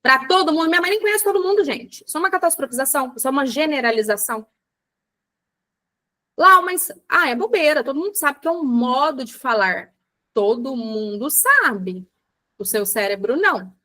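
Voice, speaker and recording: A Brazilian psychologist woman gives a casual online lecture in a bright, somewhat high voice. She chats with her listeners directly and acts out little everyday examples as she teaches. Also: expressive, normal speed. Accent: Brazilian Portuguese. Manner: chatty, addresses audience as "gente", acts out examples. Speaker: psychologist teaching a book club class.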